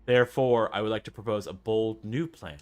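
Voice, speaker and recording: A man's voice: fairly low pitch, lightly acted. Man playing a formal, confident young scientist. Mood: measured, persuasive. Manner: measured, formal, persuasive. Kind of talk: video game character dialogue read aloud.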